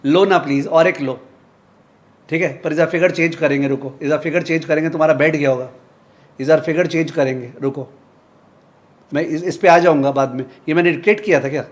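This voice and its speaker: Man teaching a live class, somewhat high voice, drills numbers in rhythm, teases students. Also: steady tone, brisk. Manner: drills sums aloud in a repeated rhythm; teasing, calls on students by name. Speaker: finance teacher.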